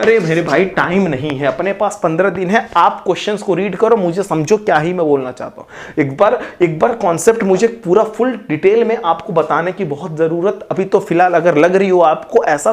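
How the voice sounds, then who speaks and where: A man with an Indian accent teaching chemistry exam questions, asking questions in a student's voice and then answering them himself, in a rushed, repetitive way. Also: high-pitched. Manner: rushed, repetitive explaining with informal asides. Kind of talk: online exam-prep lesson.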